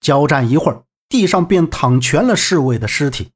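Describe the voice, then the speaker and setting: Man narrating a lively martial-arts story. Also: fairly high pitch, normal speed.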